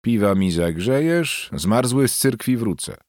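A man reading an audiobook, voicing a sulky middle-aged village priest who grumbles slowly and sullenly. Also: medium pitch, lively intonation, darkish tone, no echo, studio quality, pitched above the performer's own voice, close to an everyday voice.

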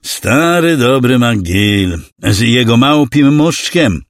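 A man's voice: medium pitch, expressive, slow pace, no echo, studio quality, voice pushed up. A man voicing a cruel male alien clone villain who mocks and threatens in a condescending, menacing way. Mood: mocking menace. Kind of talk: audiobook character voice.

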